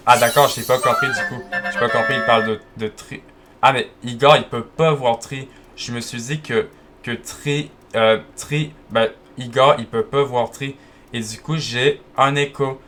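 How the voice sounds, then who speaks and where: A man's voice: medium pitch, bright, forceful tone, a little hiss or hum. A man giving casual gameplay commentary, chatty and full of restarts, talking straight to his viewers. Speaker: gaming video creator. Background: game music.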